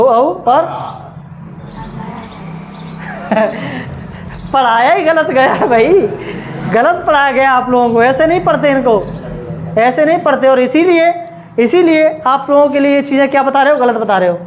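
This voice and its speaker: A man with a very high-pitched voice delivers a classroom lecture as a teacher, and the recording is poor with slight background noise. He is emphatic and self-assured, repeatedly checking in with students by asking "ठीक है?" and insisting that others taught the material wrong.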